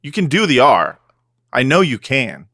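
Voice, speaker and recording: Male comic podcast co-host, mid-pitched, rambling banter, dry close mic. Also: big pitch swings, normal speed, bright, forceful tone, dry recording. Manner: joking, rambling with fillers. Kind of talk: casual comedic podcast chat.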